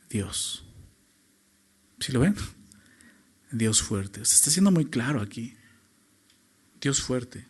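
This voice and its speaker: A male pastor preaches a sermon, driving home his points with rhetorical questions. He shifts between loud emphasis and quiet, low phrases.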